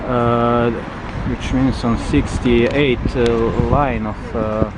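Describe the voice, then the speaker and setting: A man who speaks English as a non-native language, guiding a walking city tour in a halting, searching way, outdoors in the wind. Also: mid-range voice, steady tone. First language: not English. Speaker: travel vlogger, tour guide. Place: outdoors on windy city streets by a river. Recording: loud wind and street noise, outdoors.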